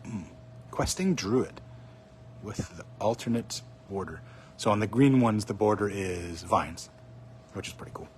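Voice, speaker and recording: A man casually chatting on a livestream as he opens card packs, excitedly calling out each card he pulls, his voice a little hoarse. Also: lowish voice, measured pace, long pauses, slight background noise. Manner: chatty, excited, naming cards as he pulls them. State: slightly hoarse. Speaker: card box opening streamer.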